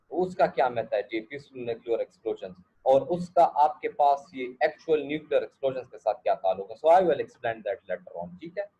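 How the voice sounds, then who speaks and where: A man's voice: mid-range voice, dark tone, slightly rough. A male lecturer, teaching a class and often checking that students follow, with English asides. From Pakistan. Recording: dull lo-fi recording.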